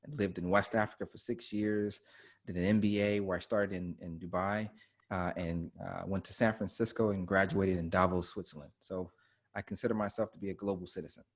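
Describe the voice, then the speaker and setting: A man's voice: deep voice, steady tone, a little fast. A man from the United States, a guest author speaking in a webinar conversation, who stresses and repeats his key points. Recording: video call audio.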